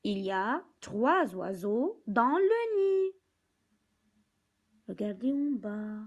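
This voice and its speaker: A woman teaching young children from a picture book, speaking slowly and deliberately, repeating words and counting aloud. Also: fairly high pitch, big pitch swings, dull audio.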